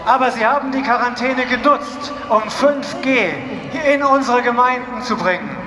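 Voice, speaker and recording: A man with a very high voice interprets a rally speech phrase by phrase, sometimes restarting a word as he goes. He is heard over an outdoor loudspeaker with a long echo, with a clearly audible crowd and street noise around him. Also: normal speed. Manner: translating phrase by phrase, occasionally restarting words.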